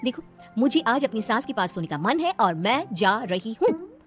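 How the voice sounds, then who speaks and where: A woman voicing a sharp-tongued, stubborn young wife in a comic skit, scolding and insistent. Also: on the high side, very animated, normal speed, faint music behind.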